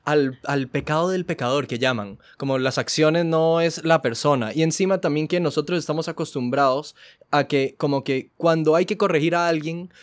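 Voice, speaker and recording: A man's voice: a little high, normal speed, dry recording. A man in casual group conversation, talking in blunt, slangy, joking Latin American street phrasing.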